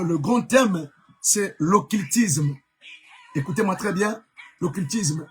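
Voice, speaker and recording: A man from Congo preaching a live-streamed sermon as an evangelist, emphatic, repeating key words, with many fillers. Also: high-pitched.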